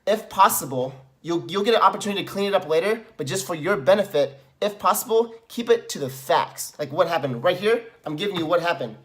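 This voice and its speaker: A man's voice: sits high, animated, fairly quick, few pauses. A middle-aged man coaching bluntly and with heavy profanity, breaking into furious rants as an example. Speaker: self-help coach. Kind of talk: tutorial with example venting.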